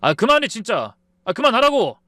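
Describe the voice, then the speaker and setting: A man's voice: a little high, sing-song, normal speed, dry recording. A man voicing a defensive grown son in his thirties who snaps at his mother in a raised, irritated voice. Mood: angry.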